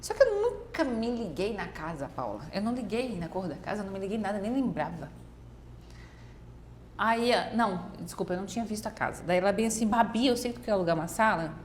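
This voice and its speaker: A woman telling a personal faith story in casual conversation, animated and often acting out what others said. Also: mid-range voice, brisk. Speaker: guest. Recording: faint background noise.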